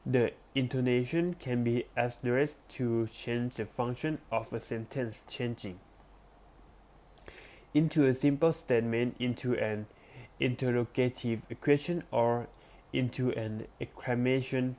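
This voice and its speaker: A man presents a lesson by reading an academic text aloud. He speaks at a very slow, unhurried pace, taking his time over each phrase, and now and then backs up to restart a word. His voice sits at an ordinary middle pitch. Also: fairly even intonation, darkish tone. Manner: careful, deliberate reading with small restarts.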